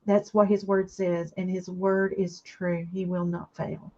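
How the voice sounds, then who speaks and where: A woman's voice: fairly low pitch, level tone, unhurried, dull audio. A woman, teary and emotional, chatting with viewers and answering their comments during a craft live stream. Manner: warm, emotional, reads viewer comments aloud and answers them.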